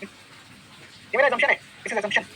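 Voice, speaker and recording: A man's voice: very high-pitched, slow, bright, forceful tone, a little hiss or hum, low-quality recording. A man teaching a university math class, explaining proofs and quizzing his students with repeated questions. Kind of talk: classroom lecture, mixing Hindi and English.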